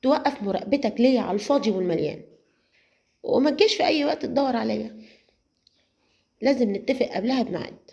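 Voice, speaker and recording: A woman puts on a tense young woman who hides something, pitched high and sharp with an Egyptian Arabic accent. She talks fast and uneasily. The recording is slightly dull and lo-fi. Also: expressive, gravelly. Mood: tense, defensive. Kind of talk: storybook narration with voiced dialogue. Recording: slightly muffled lo-fi audio.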